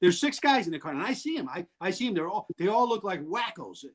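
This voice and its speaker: A man telling wild stories in an animated way, loudly acting out what people said and laughing often. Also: sits high, quick pace. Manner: excitable, acts out quotes loudly, laughs often. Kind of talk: animated storytelling.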